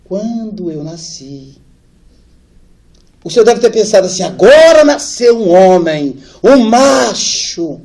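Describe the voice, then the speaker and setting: A man's voice: sits high, lively intonation, takes it slowly, a little mellow, voice pushed up, full character voice. A man doing a weak dying son. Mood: pleading.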